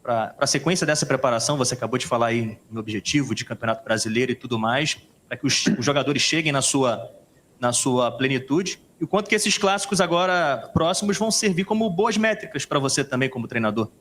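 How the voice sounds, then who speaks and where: A man asking a football coach a question at a press conference, halting at first. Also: mid-range voice, a bit bright, slight background noise. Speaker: reporter.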